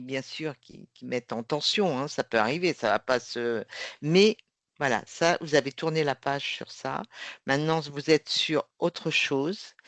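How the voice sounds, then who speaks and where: A woman's voice: low-pitched, dry recording. Reassuring woman practitioner, dry sound. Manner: reassuring and firm. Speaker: hypnosis practitioner. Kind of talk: guiding a hypnosis session.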